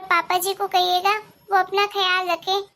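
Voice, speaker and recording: A woman plays a young daughter-in-law in a cartoon moral story. She talks to herself in a chatty, grumbling run of thoughts. The voice sits very high. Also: little pitch movement, normal speed, bright, forceful tone, full character voice. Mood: worried.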